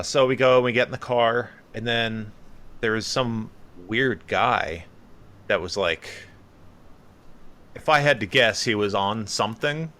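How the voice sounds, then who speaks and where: A man's voice: fairly low pitch, a bit bright, a little hiss or hum. A man in his thirties, a podcast co-host telling stories in casual chat and acting out other people's voices.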